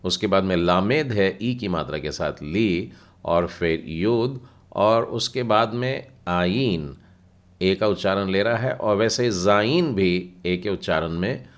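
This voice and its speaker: Deep voiced guy slowly walking a class thru letters and sounds, real patient. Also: animated. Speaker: Bible language teacher. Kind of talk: slow explanatory lesson.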